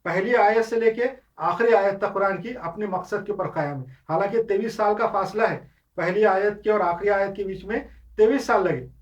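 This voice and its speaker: At a normal speed, a high-voiced Islamic teacher lectures without a script, laying out points in sequence and mixing English into his Hindustani. Frequent restarts and filler sounds mark his delivery, and the audio is dull from a faraway mic.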